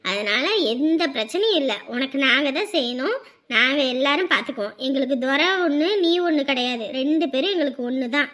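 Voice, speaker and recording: A woman acting a sharp-tongued, motherly aunt in a family drama skit, who grumbles and scolds but coaxes the boy she raises. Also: high voice, animated, a little fast. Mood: soothing. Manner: grumbling, scolding, then coaxing.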